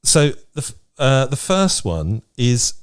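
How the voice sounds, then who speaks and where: In a remote podcast recording, a male co-host with a clear, resonant mid-range voice chats casually and frankly, matter-of-fact in content yet sing-song in delivery, at a slow pace.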